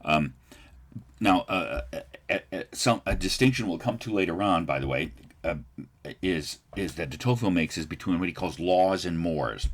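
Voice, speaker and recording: American male lecturer, very low voice, rambling delivery with frequent um and uh, class recording. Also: normal speed. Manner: discursive, many fillers and restarts. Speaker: political science lecturer.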